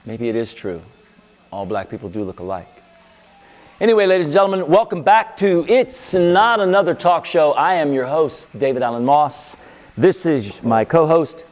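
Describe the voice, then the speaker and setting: A man's voice: fairly high pitch, normal speed. Brief: upbeat jokey talk show host, man, echoey room. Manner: energetic, jokey. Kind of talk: comedic talk show hosting.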